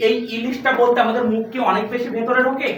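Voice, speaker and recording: Teacher quizzing students, patient and repetitive, booming echo, far from the mic. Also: little pitch movement, fast, a bit bright, muffled recording, a little hiss or hum. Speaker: recitation and pronunciation teacher. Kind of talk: classroom teaching. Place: classroom with benches. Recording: very echoey room, distant mic.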